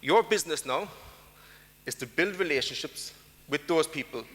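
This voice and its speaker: Lively intonation marks this Irish conference speaker, whose slightly high, somewhat bright voice moves at a moderate pace and rings with a long reverb tail. In a large hall, he argues his points emphatically and asks the audience rhetorical questions.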